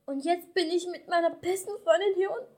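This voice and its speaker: A woman's voice: extremely high pitch, a little fast, darkish tone. A young female storyteller reading her own story aloud, stumbling and correcting herself as she goes. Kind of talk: reading a self-written story aloud, acting out the characters.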